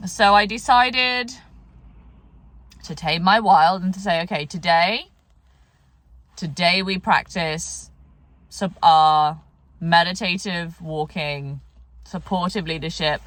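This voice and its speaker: A tired woman talks through her horse training in a reflective vlog, wandering from thought to thought with lots of "like" and restarts. Her voice sits a little low, and the sound is dry and close with no room around it. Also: takes it slowly, long pauses, a bit bright, no room sound. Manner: rambling, many "like" fillers and restarts. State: tired, yawning.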